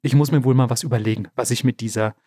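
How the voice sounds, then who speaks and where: A man's voice: mid-range voice, steady tone, fast, dark tone, no echo, clean studio sound, lightly acted. A man voicing a careless, scheming father in a fairy tale retelling, offhand and slangy.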